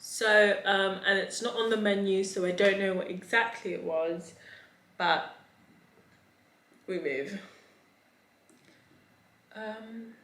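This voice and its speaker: A woman's voice: medium pitch, steady tone, unhurried, fairly bright tone. A woman giving a casual, chatty restaurant review with a campy, theatrical manner and exaggerated emphasis on key words. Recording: echoey, roomy voice recording.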